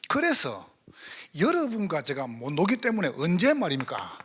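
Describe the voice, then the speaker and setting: A man's voice: fairly high pitch, huge pitch swings, moderate pace, fairly bright tone, breathy edge. A male pastor with a Gyeongsang accent, preaching a sermon in church and firing rhetorical questions at the congregation. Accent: Gyeongsang Korean. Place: church sanctuary.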